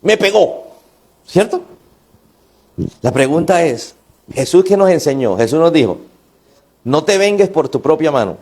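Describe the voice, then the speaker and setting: A male pastor, preaching an impassioned sermon that rises to near shouts. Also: fairly high pitch, sing-song, a little slow, pauses often, slightly rough.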